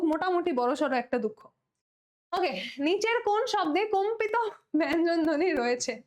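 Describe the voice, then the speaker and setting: A young woman teacher with a Bangladeshi Bengali accent giving a playful online exam-prep lesson and pleading with students to understand. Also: high-pitched. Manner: playful, pleading, mixes English words.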